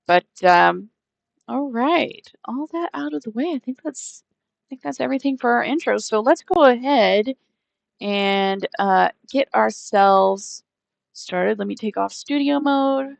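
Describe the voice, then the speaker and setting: A woman's voice: a little high, animated, measured pace, creaky, dry recording. A woman hosting a casual gaming live stream, hesitant and rambling, often trailing off mid-thought. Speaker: game streamer, host.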